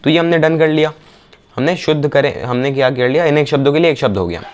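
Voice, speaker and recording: A young man teaching an exam revision lesson, briskly reading out word pairs and checking that the students follow. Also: a little high. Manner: brisk, repetitive drilling with quick checks on the students.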